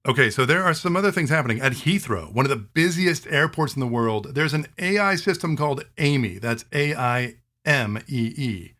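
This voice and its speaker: A man hosting a talk show, explaining things in a conversational way with animated asides, quick bursts and slower stretches to spell terms out. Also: mid-range voice. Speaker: host. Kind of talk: explanatory monologue.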